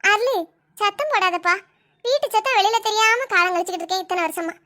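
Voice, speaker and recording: A woman voicing a long-suffering older mother-in-law in a family comedy skit, slow and guilt-tripping. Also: very high voice, bright, forceful tone. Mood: martyred.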